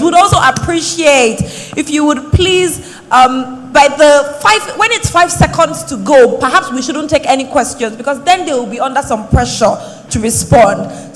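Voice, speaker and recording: A woman hosting a live event as MC, courteous and formal in the way she addresses people. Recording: booming reverberant hall.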